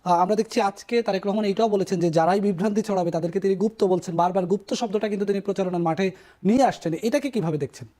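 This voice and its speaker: A man's voice: sits high, quick pace, dark tone. A man hosting a political talk show, asking guests questions with hesitant filler sounds.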